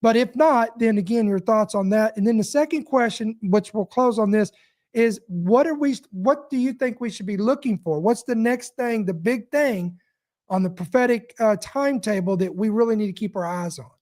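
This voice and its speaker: Halting host asking long questions. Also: medium pitch, darkish tone. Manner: halting, many fillers and restarts. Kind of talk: interview questions.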